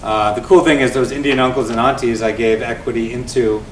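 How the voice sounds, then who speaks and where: A man in his forties, a venture investor and guest speaker, telling his founder story to an event audience in an energetic, conversational way that often tags points with "right?". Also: brisk. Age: 40s. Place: event venue before an audience. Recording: roomy, distant mic with faint rumble.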